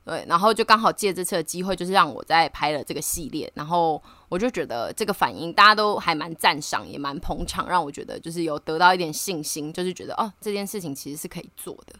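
Fast, bright-voiced woman chatting. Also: fairly low pitch, no echo. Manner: animated, laughs often while telling a story. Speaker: podcast co-host. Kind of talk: casual chat, storytelling. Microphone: remote online call.

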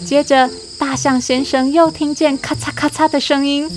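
High-voiced woman reading a children's story. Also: level tone, moderate pace. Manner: gentle, coaxing, addressing kids. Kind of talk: reading a picture book to children.

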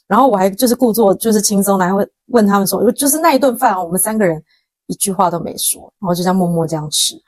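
A young woman with a Taiwanese Mandarin accent, hosting a podcast and telling a story in a casual, animated way, acting out quoted lines with slang. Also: mid-range voice, dry recording. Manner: animated, dramatic retelling with quoted dialogue and slang. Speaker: podcast host.

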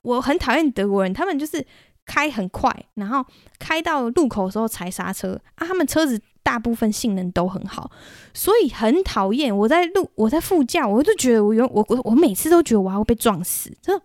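A woman from Taiwan with a Taiwanese Mandarin accent, hosting a solo podcast in an animated, chatty storytelling way. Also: fairly high pitch, no room sound, clean studio sound. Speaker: podcast host.

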